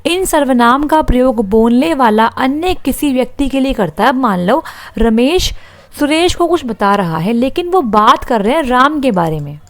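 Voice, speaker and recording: A woman's voice: high-pitched, lively intonation, no echo. Dry-voiced young woman teaching grammar. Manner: explains slowly, reads out example sentences, asks and answers own questions. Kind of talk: online exam-prep lesson.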